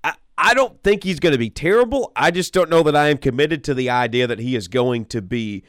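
A man's voice: medium pitch, lively intonation, a little fast, fairly bright tone, no echo. American man hosting dry, close radio sports talk. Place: radio studio.

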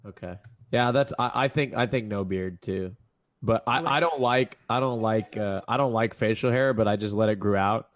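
A man in casual podcast chat, talking haltingly and restarting his sentences. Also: lowish voice, dry recording.

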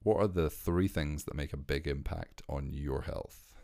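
A man hosting a casual chat, asking questions and explaining things in a relaxed way. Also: a bass voice, unhurried, gravelly, no room sound, clean studio sound.

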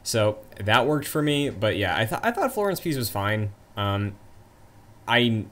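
Low-voiced man chatting about a film. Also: big pitch swings, unhurried, fairly bright tone. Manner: chatty, trailing asides. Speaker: podcast co-host. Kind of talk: casual movie review chat.

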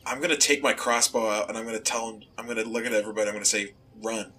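A man's voice: lowish voice, steady tone, racing, sharp tone. A man playing a tabletop role-playing game, chatting casually and declaring actions. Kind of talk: casual chat and role-play. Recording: music playing behind the voice.

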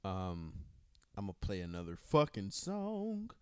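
A man hosting a podcast, chatting casually and profanely while giving shout-outs close to the mic. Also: low-pitched, huge pitch swings, clean tone, no echo. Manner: profane, laid-back, drawn-out shout-outs. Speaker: podcast host.

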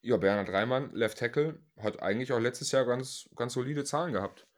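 A man's voice: mid-range voice, fairly quick. A man hosting a casual sports podcast, talking through the news in a conversational, explanatory way. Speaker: podcast host. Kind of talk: casual chat.

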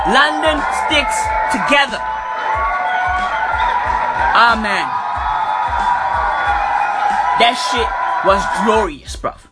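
A man hosting a sports podcast in an animated, taunting fan rant, full of slang and repeated phrases for emphasis. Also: sits high. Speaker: podcast host.

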